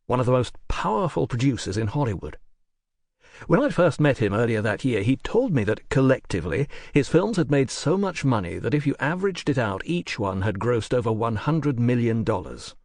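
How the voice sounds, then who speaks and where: A male audiobook narrator reading a memoir in a measured, wry, precise way. His pitch sits in the middle but moves with lively, expressive swings. The studio sound is close and completely dry. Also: dry recording.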